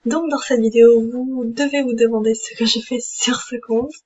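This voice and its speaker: A woman's voice: a little high, fairly even intonation, moderate pace, darkish tone, slightly rough. Chatty young woman, lo-fi mic. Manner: chatty, many fillers and restarts. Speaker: YouTuber showing her game account. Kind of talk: casual gameplay commentary.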